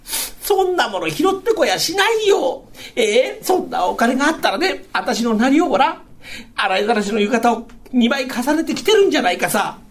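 A man's voice: extremely high pitch, big pitch swings, moderate pace, voice pushed up, full character voice. A man doing a patient Edo wife. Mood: chiding. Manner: soft, chiding, earnest. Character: patient, scolding Edo working-class wife. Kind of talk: rakugo storytelling.

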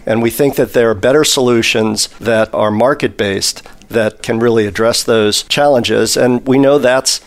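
A male panelist speaking for the industry gives long, winding answers. His voice sits in a middle pitch range. He pauses often with fillers as he works through his points. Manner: discursive, thinking aloud with many pauses. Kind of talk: panel interview.

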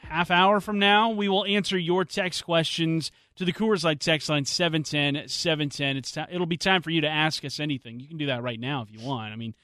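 Bright-voiced man hosting sports talk. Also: fairly high pitch, fairly even intonation, a little fast, hardly any pauses, no echo, clean studio sound. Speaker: sports radio host. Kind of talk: sports talk show chat.

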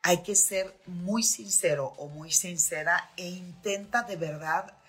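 Middle-aged Mexican woman host, frank and chatty, husky timbre, low pitch. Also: slow, fairly bright tone, soft background music. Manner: frank, chatty, with many fillers. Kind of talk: podcast advice talk.

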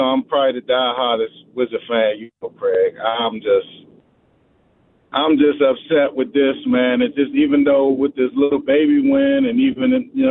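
A man calling in to a sports radio show over the phone, talking casually with many halting fillers. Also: mid-range voice, vocal fry. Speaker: caller. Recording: tinny phone line with faint noise.

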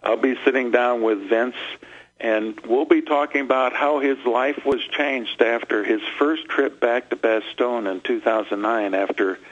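A man's voice: mid-range voice, highs cut off. A man speaking conversationally as a guest in a radio interview about events he hosts.

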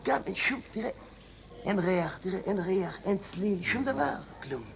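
A man's voice: sits high, expressive, creaky, a little hiss or hum. A man playing a chatty old man in a comedy sketch, grumbling and drifting off into nostalgic tangents. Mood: rambling nostalgic. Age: older.

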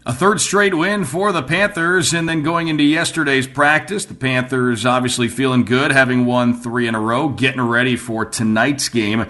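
A man's voice: mid-range voice, steady tone, moderate pace, few pauses, bright, forceful tone. A man hosting a sports show, narrating a recap and introducing clips.

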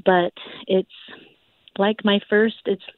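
A woman calling in to a radio show over a phone line, talking in a hesitant, candid way with frequent pauses. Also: mid-range voice, flat delivery, no room sound. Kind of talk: call-in conversation. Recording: dry tinny phone line.

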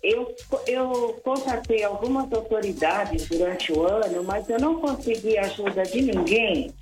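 A woman's voice: mid-range voice, animated, measured pace, darkish tone. A woman calling in to a radio show over the phone. She pleads earnestly and restarts her words often. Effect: heard over a phone line. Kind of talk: live call-in to a radio program. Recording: echoey phone line, faint music behind.

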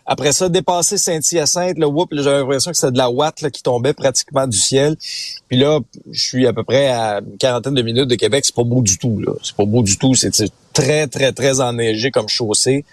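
Husky-voiced man with an Abitibi Quebec accent. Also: mid-range voice, brisk, no echo. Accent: Abitibi Quebec French. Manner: chatty, storytelling, laughs often. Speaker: radio columnist. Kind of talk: casual radio chat. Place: parked car at a rest stop.

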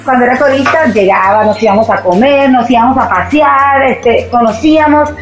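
A Puerto Rican woman in her thirties, a singer, chatting as a guest in a podcast interview, lively and using the filler "este". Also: a little high, moderate pace. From Puerto Rico. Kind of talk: conversational interview.

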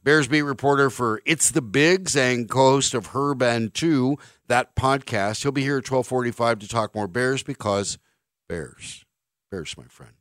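In a radio studio, a man in his fifties hosts sports talk radio, cracking wry, sarcastic jokes and wandering into rambling anecdotes. His medium-pitched voice is a bit bright, captured on a studio microphone with no echo and studio quality.

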